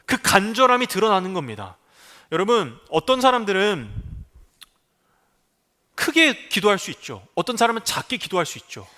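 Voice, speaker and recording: A middle-aged male pastor delivers an emphatic sermon in a high, bright voice. His pitch swings widely as he acts out cries and pleas for his listeners.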